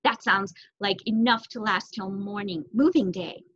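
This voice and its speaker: A woman voicing a strong, quick young boy mouse in a storybook, talking eagerly and with authority. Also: medium pitch, a bit bright, slightly rough. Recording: dull lo-fi recording.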